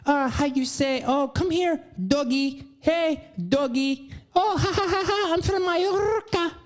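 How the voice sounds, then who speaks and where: A man voicing an affected young woman who fakes a mock Spanish accent, giggly and drawn out. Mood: mock-coy. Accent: exaggerated mock Spanish. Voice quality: high, giggly, drawn-out words.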